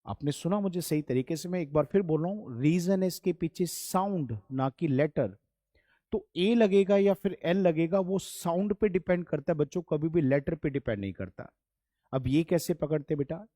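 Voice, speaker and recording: A man's voice: fairly high pitch, moderate pace, warm tone, no room sound, clean studio sound. A man teaching an English grammar lesson, patient and repeating key points while addressing his students as children, with an Indian accent. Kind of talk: classroom-style grammar lesson.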